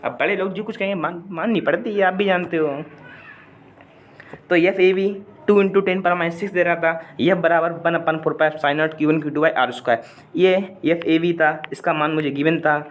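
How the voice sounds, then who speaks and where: A man's voice: on the high side, steady tone, normal speed. A man tutoring physics in a video lesson, talking through worked problems in a chatty, repetitive way and addressing viewers directly. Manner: chatty, repeats points, asks viewers to comment, hums a song line at times.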